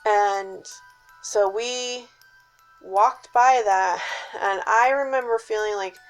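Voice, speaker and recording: A woman casually telling a personal scary story in a suspenseful, dramatic way, with hushed dips and emphatic stresses. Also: mid-range voice, takes it slowly, soft background music, low-quality recording.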